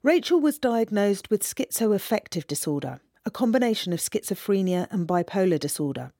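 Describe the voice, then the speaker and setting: A woman reporter giving scripted documentary narration in a measured, storytelling manner. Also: mid-range voice, big pitch swings, mellow, no echo, clean studio sound.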